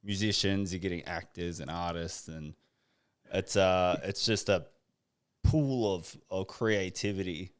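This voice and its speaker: A relaxed Australian man hosts a casual podcast chat over a video call. His voice sits low and sounds smooth and resonant. He rambles easily, with plenty of fillers and restarts. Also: unhurried. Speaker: podcast host.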